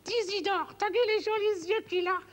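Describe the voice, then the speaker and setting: A ventriloquist voicing a silly, cheeky female duck puppet with a squeaky, nasal voice. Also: fairly even intonation, moderate pace, fairly bright tone. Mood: giddy.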